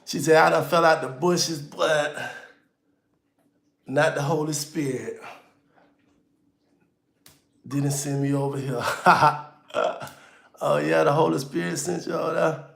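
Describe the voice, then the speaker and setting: A man's voice: fairly high pitch, steady tone, takes it slowly, vocal fry, pauses often, a bit bright, reverberant. Auto-tuned man streaming live. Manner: loose, slangy, talks straight to viewers. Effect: auto-tune on voice. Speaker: livestream host. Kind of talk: casual livestream chat.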